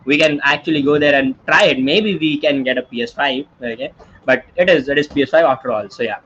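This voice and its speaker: A young Indian man in his twenties teaches an online workshop with a bright, forceful voice. He tells stories in a chatty way and keeps checking in with his listeners. The audio sounds dull and lo-fi, like a stream from a computer mic, with a faint hiss behind it. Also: medium pitch, brisk. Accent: Indian English. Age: 20s. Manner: chatty, animated storytelling with many tag questions. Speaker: workshop instructor.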